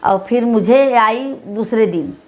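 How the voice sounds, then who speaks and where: A woman's voice: fairly high pitch, slow, darkish tone. Bhojpuri-accented woman giving emotional testimony. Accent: Bhojpuri-tinged Hindi. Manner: rambling, repeats herself, acts out others' words. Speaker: interviewee, mother of the deceased.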